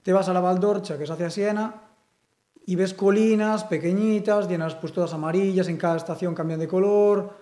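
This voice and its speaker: A man's voice: high-pitched, moderate pace, reverberant. Galician man talking in a loose, rambling way. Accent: Galician Spanish. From Galicia, Spain. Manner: relaxed, rambling, many fillers. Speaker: interviewee, sculptor. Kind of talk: casual interview.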